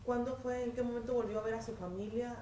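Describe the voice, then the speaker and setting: Brisk woman interviewer, distant and echoey. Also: a little high, fairly even intonation, dark tone. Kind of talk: news interview questions. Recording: distant, echoey, with ambient noise.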